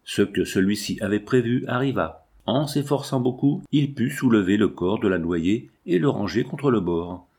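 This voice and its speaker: A man narrating a classic novel as an audiobook, in a measured literary reading. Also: on the low side, animated, darkish tone, husky.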